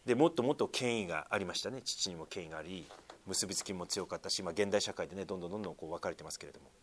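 A male pastor races through his sermon to a congregation, with slight background noise audible. His delivery swings sharply in pitch and loudness, filled with fillers, and he sometimes puts questions straight to his listeners.

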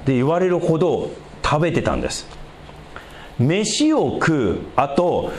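A man preaching a sermon in an animated way, with chuckles along the way. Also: brisk, slight background noise. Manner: animated preaching with big pitch swings and light laughter. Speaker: pastor.

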